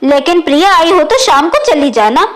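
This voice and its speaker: A woman reading the lines of a kind young brother in a storybook reading, in a calm way, without lowering her voice. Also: moderate pace.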